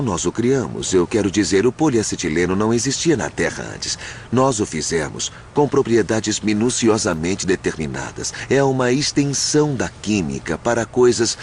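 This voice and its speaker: An enthusiastic Brazilian male scientist in a documentary interview. The voice is low and highly animated, explaining conversationally and posing questions to answer himself, over faint background noise. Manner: asks and answers own questions. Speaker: dubbed expert interviewee.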